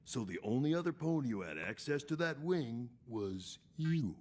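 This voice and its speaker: A man's voice: mid-range voice, sing-song, moderate pace, a little mellow. An actor voicing a male pony castle guard who is matter-of-fact and accusing. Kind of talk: cartoon voice acting.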